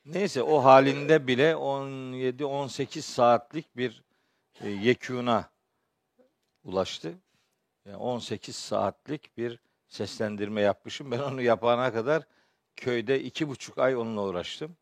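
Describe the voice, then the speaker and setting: A man giving a religious lecture as a teacher, his voice hoarse and strained, phrasing deliberately with pauses. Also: medium pitch, no echo, studio quality. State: hoarse from shouting the day before, clearing his throat often. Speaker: Quran teacher and preacher. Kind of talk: spoken religious lecture with verse commentary.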